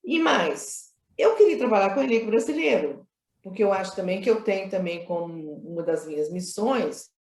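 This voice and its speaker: Here a Brazilian film director from Minas Gerais, being interviewed, lays out the reasoning behind her creative choices. Her medium-pitched voice is animated and somewhat dark in tone, at a moderate pace. She is emphatic, repeats herself, and leans on tag questions, all captured in an echoey, roomy recording.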